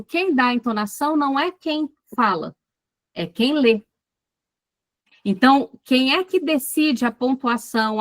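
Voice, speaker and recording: A woman's voice: fairly high pitch, no room sound. Woman with a Brazilian accent teaching online. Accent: Brazilian Portuguese. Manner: animated, talks to students directly with many asides. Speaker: psychoanalysis lecturer. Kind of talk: online lecture. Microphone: video call.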